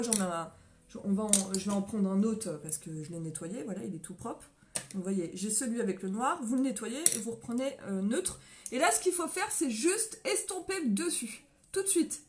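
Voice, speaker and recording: High-voiced chatty French woman. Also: lively intonation, fairly quick, a little mellow, slight background noise. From France. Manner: chatty, greets viewers by name, laughs often. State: coughing after a run. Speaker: makeup seller doing a live tutorial. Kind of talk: casual live-stream makeup tutorial.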